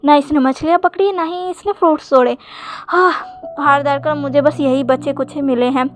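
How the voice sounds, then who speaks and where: A fretful young man who scolds his careless friend, read out by a woman narrator. His voice sits fairly high and the storybook telling runs over faint background music. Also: steady tone, moderate pace, close to an everyday voice. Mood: complaining. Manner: scolding, complaining.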